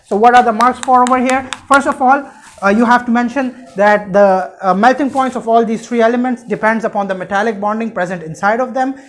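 A man's voice: very high-pitched, fairly quick, fairly bright tone, slight background noise. A young man lecturing as a teacher, emphatic and repetitive, often posing questions and answering them. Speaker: chemistry teacher. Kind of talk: explanatory classroom lecture at a whiteboard. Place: indoor room, standing at a whiteboard.

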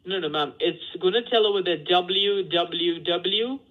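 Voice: medium pitch, a little slow. A phone agent giving tech support instructions in an insistent, repetitive, formally polite way. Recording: dull lo-fi phone call.

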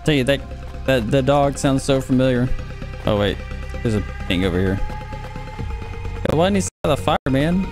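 A man's voice: medium pitch, normal speed, long pauses. A man casually commentating a live game stream, playful and chatty with his viewers. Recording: music behind the voice.

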